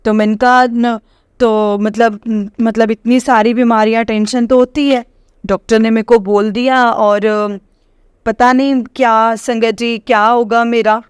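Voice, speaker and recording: Hesitant woman, smooth high voice. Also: steady tone, unhurried, no echo, studio quality. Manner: hesitant, full of fillers and restarts, often addressing the listeners directly. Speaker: devotee sharing a personal experience. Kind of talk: personal testimony to a congregation.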